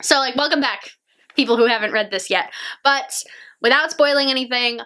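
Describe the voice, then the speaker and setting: A woman's voice: sits high, moderate pace, background noise. A young woman chatting casually about her favorite books, gushing and peppering her talk with "like". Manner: gushing and chatty, heavy use of "like". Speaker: book vlogger. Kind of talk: casual book review vlog.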